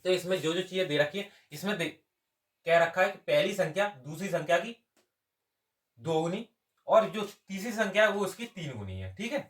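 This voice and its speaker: A man with a high, fairly bright voice coaches students for a maths exam in a step-by-step lesson. He sounds expressive at a normal pace, posing questions and then answering them himself.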